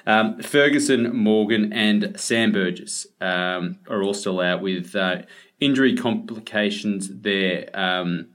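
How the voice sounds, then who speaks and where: A man's voice: on the low side, slow pace, fairly bright tone. An Australian man presenting a sports podcast as host, in a casual conversational style.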